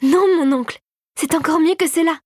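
A woman voicing an eager, excitable young girl inventor in an audiobook, in a high, breathless voice. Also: normal speed, dry recording, studio quality, close to an everyday voice. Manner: breathless, excited, pitched high above the narration. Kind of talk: audiobook character voice.

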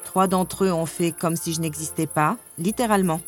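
A woman voicing a charming young prince in a storybook reading, gentle, measured and courtly, close to her own voice. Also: fairly low pitch, lightly acted. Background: music.

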